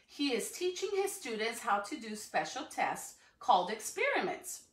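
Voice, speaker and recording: Fairly high and sing-song, this woman speaks at a normal speed while reading to children as a school educator. She livestreams from her home living room, encouraging the kids and asking them questions, captured by a phone or camera a few feet off in an echoey room.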